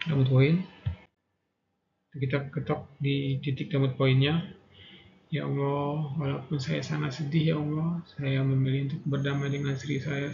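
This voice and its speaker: A man guiding an EFT tapping session, calmly repeating prayer affirmations and instructions in an echoey room. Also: medium pitch. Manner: calm, repetitive guiding voice, says prayer affirmations. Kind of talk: guided tapping practice with spoken prayers. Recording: echoey room, dull lo-fi sound, clear background noise.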